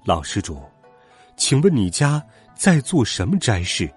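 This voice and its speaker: A man voicing a gentle, humble monk master in a storybook, speaking softly and slowly. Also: mid-range voice, very animated, breathy edge, soft background music, full character voice. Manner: soft, slow and humble. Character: gentle, timid old-style monk master, male.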